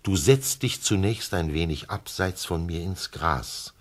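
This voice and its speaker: A man voicing a wise, gentle male fox with a husky voice, speaking in a lively, heartfelt way in a classic radio play. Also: low-pitched, a little slow. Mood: pleading, tender. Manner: lively, pleading, heartfelt delivery.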